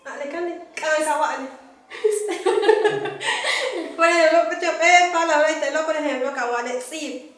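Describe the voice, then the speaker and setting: A young woman from Yucatán, Mexico, teaches letters and sounds, high-voiced, stopping often to search for words. She sits well back from the mic in a very echoey room. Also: steady tone, a bit bright, recorded from a distance. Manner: halting, with many fillers. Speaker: language teacher. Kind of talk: teaching lesson.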